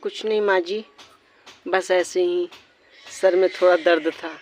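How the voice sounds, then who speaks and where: A man voicing a tearful young woman in love in a doll cartoon, raising his pitch. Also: steady tone, measured pace, a little hiss or hum. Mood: pleading. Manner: pleading, tearful.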